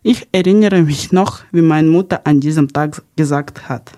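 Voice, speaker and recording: A woman's voice: low voice, normal speed, warm tone. A young woman hosts a podcast. She speaks earnestly, partly reading from a script, with small slips in her grammar. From Ukraine. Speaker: podcast host. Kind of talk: podcast, partly read narration.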